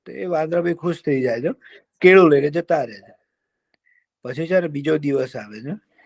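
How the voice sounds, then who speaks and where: A man tells a children's folk tale in a homely, chatty manner, over a video call. His voice sits a little high for a man and carries a gravelly edge. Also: normal speed. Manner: folksy and chatty, fillers, lively voices for characters. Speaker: children's storyteller.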